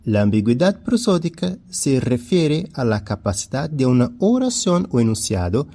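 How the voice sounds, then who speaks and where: A man teaching a Spanish lesson, a Portuguese speaker who mixes both languages and slowly repeats each example word. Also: medium pitch, big pitch swings, dark tone. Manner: slow, deliberate, repeats example words; switches between Portuguese and Spanish. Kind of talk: classroom-style lesson.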